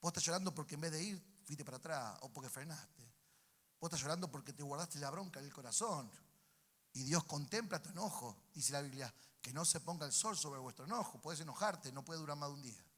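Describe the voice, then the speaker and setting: A man with a Rioplatense Spanish accent preaching a sermon as pastor, calling out to the congregation for responses and moving between loud, emphatic peaks and hushed, intimate passages. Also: fairly high pitch, expressive, brisk. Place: church sanctuary. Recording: church hall reverb.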